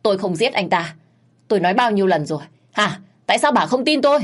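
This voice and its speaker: A woman's voice: medium pitch, animated, fast, voice pushed up, natural voice. A woman voicing a frightened young woman who is wrongly accused and defends herself in a storybook reading. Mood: panicked. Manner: panicked, defensive.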